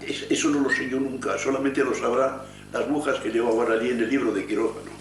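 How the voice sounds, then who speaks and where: A man's voice: mid-range voice, fairly even intonation, fairly quick, roomy sound, slight background noise. Older man, rambling on a distant hidden recording. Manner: rambling, hesitant, self-correcting. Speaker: retired gynecologist. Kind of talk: secretly recorded conversation.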